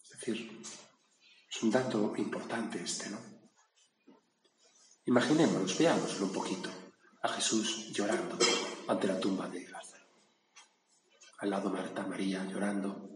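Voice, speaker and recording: A man's voice: lowish voice, unhurried, long pauses. A man from gives a reflective gospel sermon. He talks conversationally and often checks in with his listeners. The sound is roomy, with a long hall reverb and faint background noise. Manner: conversational, with asides asking "¿no?". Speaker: preacher.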